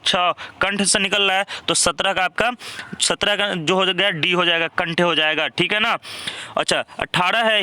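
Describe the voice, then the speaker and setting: A man's voice: high voice, pushed and bright, smooth. A young man working through exam questions as a teacher, explaining step by step and checking in with "right?" after each answer. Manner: repeats "thik hai na" often, explains step by step.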